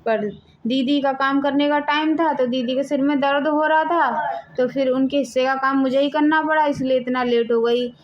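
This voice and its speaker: A woman's voice: high voice, fairly even intonation, moderate pace, dull audio, close to an everyday voice. A woman doing a meek, dutiful young wife. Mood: explaining. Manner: polite, pleading, compliant.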